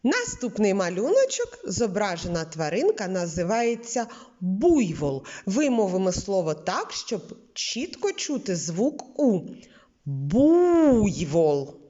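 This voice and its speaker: Woman preschool teacher, mellow and lively, stretches out sounds; slightly dull recording. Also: mid-range voice. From Ukraine. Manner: slow, patient, drawing out sounds and words. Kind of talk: literacy lesson for preschoolers.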